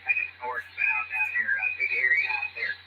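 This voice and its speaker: A man's voice: medium pitch, wildly swooping pitch, brisk. A man on a radio call from his moving vehicle, heard through a noisy, off-tuned receiver, using radio jargon and repeating "roger, roger.". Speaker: radio operator calling from a mobile station. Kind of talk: casual radio contact chat. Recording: muffled, hissy sideband radio signal.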